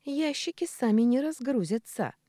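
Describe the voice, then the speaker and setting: Bossy young woman, sharp and exasperated, read by a female narrator, lifted voice. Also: high-pitched, lively intonation, normal speed, no echo, studio quality, voice pushed up. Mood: brisk. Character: spirited young woman, quick-tempered and bossy. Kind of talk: audiobook character voice.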